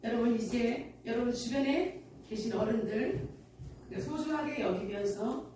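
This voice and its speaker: A woman's voice: on the high side, a little slow, dark tone, a little hiss or hum. A woman pastor preaching a sermon earnestly and telling a story, recorded in a church sanctuary from a distance. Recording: echoey church hall from afar.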